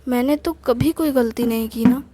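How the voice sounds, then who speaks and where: A woman's voice: on the high side, moderate pace, noisy background, close to an everyday voice. A woman voicing an older husband who is teasing, sheepish and doting, talking with hesitant stops and fillers in an acted story. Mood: defensive.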